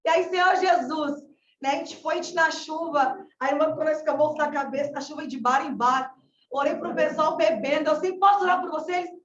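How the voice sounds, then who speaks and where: A woman from southern Brazil with a Gaúcho accent shares her missionary testimony, crying out to the Lord again and again. Her voice sits high, and it sounds distant and slightly muffled, ringing in a reverberant space. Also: a little fast, slight background noise. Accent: Gaúcho Brazilian Portuguese. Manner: fervent, exclamatory, often calling out to the Lord. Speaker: missionary colporteur. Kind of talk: emotional religious testimony. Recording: echoey, distant, dull-sounding room recording.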